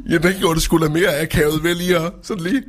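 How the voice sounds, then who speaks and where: A male radio host chatting casually and telling an anecdote with frequent laughter. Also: sits high. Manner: lively storytelling, laughs often.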